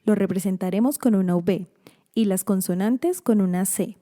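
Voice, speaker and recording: A woman giving a scripted instructional narration for parents and teachers, slowly stretching out the example words. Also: mid-range voice, warm tone.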